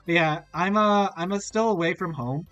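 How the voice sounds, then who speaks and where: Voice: mid-range voice, normal speed, fairly bright tone, no echo, muffled recording. Streamer, crunchy bitcrushed portable mic, rambling curious chat, dry close sound, faint music behind. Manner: rambling, curious, asks many questions. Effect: crunchy, bitcrushed-sounding mic audio. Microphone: laptop portable streaming setup.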